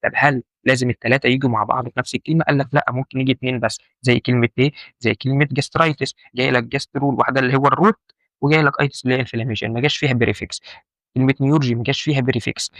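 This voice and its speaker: In a dry recording with no echo, an instructor with an Egyptian Arabic accent runs through a casual medical terminology lesson. His medium-pitched voice is steady, racing, and fairly bright, and he repeats main ideas while posing questions to the listener.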